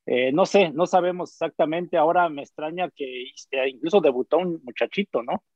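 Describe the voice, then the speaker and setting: A man's voice: fairly high pitch, fairly quick, no room sound, dull audio. A man with a Mexican accent, a former player, talking football in casual chat, hesitant and full of fillers and tag questions. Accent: Mexican Spanish.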